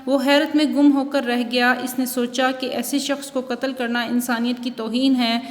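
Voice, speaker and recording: High-voiced woman teaching a class. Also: little pitch movement, in a large hall. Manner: reads textbook examples and a story aloud, explaining slowly. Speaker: school teacher. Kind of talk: online Urdu class lecture.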